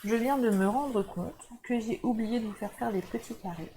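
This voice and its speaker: A woman with a French accent leads a casual livestream at her craft desk. She talks to her viewers in a chatty, friendly way and laughs often, in a slightly high voice. A faint background hiss sits under her voice. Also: moderate pace. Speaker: crafting channel host. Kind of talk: casual live crafting demo. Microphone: camera mic.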